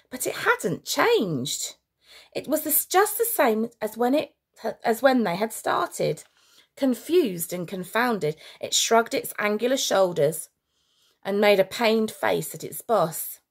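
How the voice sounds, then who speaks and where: A woman teacher reading a children's story aloud with expressive storytelling. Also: medium pitch, husky.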